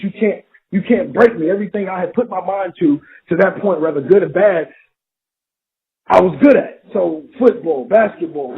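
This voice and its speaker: A man giving a motivational talk, telling a story and building to a preacher-like call to get up. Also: fairly high pitch. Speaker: motivational speaker. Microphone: phone call. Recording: tinny phone line.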